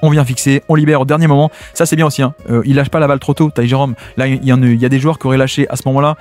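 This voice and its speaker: A man's voice: mid-range voice, steady tone, rapid-fire, a little mellow, faint music behind. A man explaining basketball tactics over game footage, talking in the first person as the players and dropping in "hein" and "hop". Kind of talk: video breakdown commentary over game footage.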